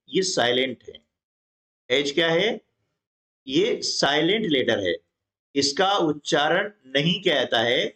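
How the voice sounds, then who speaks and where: A man's voice: a little high, a bit bright. A man teaching a grammar lesson for exam preparation, explaining step by step and often checking in with his students.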